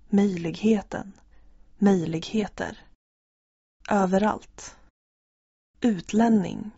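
A woman reading a vocabulary list word by word, slowly and evenly, as a language lesson drill. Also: medium pitch, gravelly, mellow, slightly rough, no echo. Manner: reads single words slowly and evenly. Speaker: language teacher. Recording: dull lo-fi recording.

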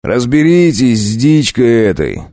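A man playing a mocking, brutal werewolf bandit leader who talks slowly and sneers. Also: mid-range voice, very animated, dark tone, no room sound, clean studio sound, pitched above the performer's own voice. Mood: sneering. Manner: slow, sneering, gloating.

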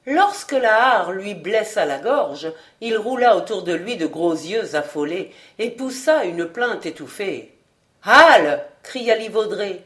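A woman narrating a classic adventure novel as an audiobook reader, reading expressively. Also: mid-range voice.

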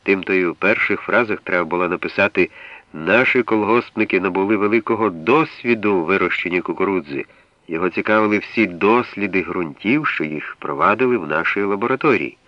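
Deep-voiced man reading, dull lo-fi sound. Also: no room sound. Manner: measured, explanatory, sets apart single words. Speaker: reader of a language usage guide. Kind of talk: scripted reading.

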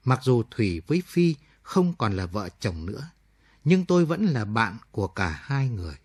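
A man narrating a late-night radio story in a measured, somber reading. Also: mid-range voice, big pitch swings, a little mellow, slightly rough, no echo.

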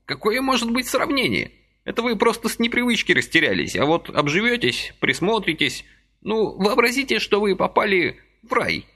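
Audiobook figure: frail fussy old man, high and fluttering, pleading, voiced by a male narrator. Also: very animated, normal speed, pushed and bright, full character voice.

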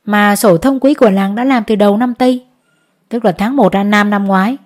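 A woman voicing a male village clerk who explains the tax rules loudly. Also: medium pitch, moderate pace, lightly acted. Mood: lecturing. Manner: loud, lecturing.

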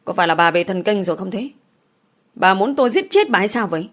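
Defiant young village daughter, sharp retorts, lowish voice, read by a woman. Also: lively intonation, moderate pace, natural voice. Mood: furious.

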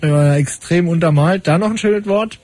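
Brisk high-voiced radio host. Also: male voice, darkish tone, dry recording. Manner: brisk, wry, cutting callers short. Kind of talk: fast call-in radio show.

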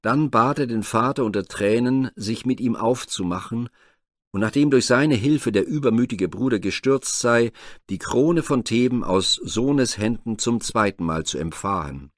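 A man narrating a classic Greek myth as a scripted audiobook reading, measured and formal. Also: medium pitch, lively intonation, dry recording, clean studio sound.

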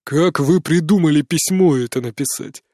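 A man reading an audiobook, voicing a stern male investigator who asks slow, pressing questions. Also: fairly high pitch, a little mellow, no room sound, clean studio sound, lightly acted. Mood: probing.

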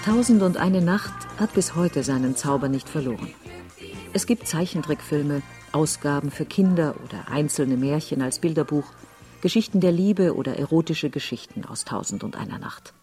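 A woman giving calm, scripted documentary narration. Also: low-pitched, moderate pace, faint music behind.

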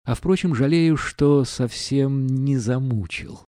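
A feverish, dying young man, shaking yet scornful, his words half accusation and half plea, as a male reader puts him on. The voice sits dark and mellow and close to a dry mic, rising into sharp outbursts. It is storybook audiobook acting. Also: mid-range voice, unhurried, dry recording, natural voice. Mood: trembling defiance. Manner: shaky, commanding, bitter. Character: feverish dying youth, trembling, defiant.

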